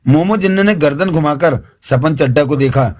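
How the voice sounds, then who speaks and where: Man narrating an audiobook, steady reading, kinda high voice. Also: normal speed.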